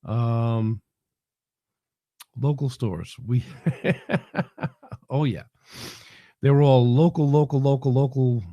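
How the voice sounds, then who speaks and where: Mellow-voiced New man chatting live. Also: mid-range voice, dry recording. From New York. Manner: rambling, folksy, many fillers. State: tail end of a head cold. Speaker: host of a live broadcast. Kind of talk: casual livestream talk. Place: his home in the South.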